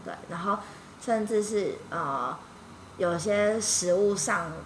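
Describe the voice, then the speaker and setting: A woman from Yilan with a Taiwanese Mandarin accent, a podcast guest telling stories in an animated, chatty way full of fillers and restarts. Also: mid-range voice, slow pace, slight background noise, rough recording. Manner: animated, chatty, frequent fillers and self-corrections. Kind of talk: casual storytelling chat.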